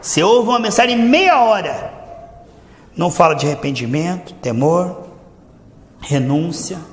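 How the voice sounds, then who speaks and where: Fervent Brazilian pastor in echoing hall. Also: male voice, expressive, measured pace. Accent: Brazilian Portuguese. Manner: fervent, swings between loud emphasis and low asides. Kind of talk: sermon. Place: church hall. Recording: echoey church hall reverb.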